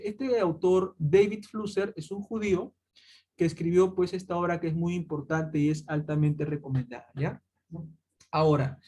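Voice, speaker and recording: A man's voice: on the high side, darkish tone. A man teaching a Bible lesson, calling his listeners "chicos" and answering his own questions as he goes. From Peru. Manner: addresses listeners as "chicos", asks rhetorical questions.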